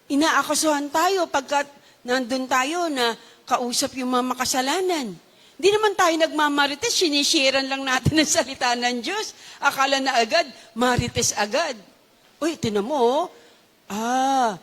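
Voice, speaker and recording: A woman preaching a Bible-study sermon, animated and acting out gossiping voices. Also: high-pitched. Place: church hall. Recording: long reverb of a hall.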